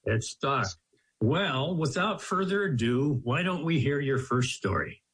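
Husky, expressive American radio host. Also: male voice, on the high side, measured pace. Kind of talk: scripted radio introduction and interview.

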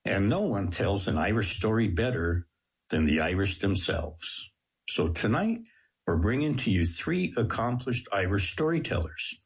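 A man's voice: fairly low pitch, very animated, a little slow, creaky, husky. An American man hosting a radio show with polished, dramatic presenter phrasing. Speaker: radio guest host. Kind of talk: scripted radio introduction and interview.

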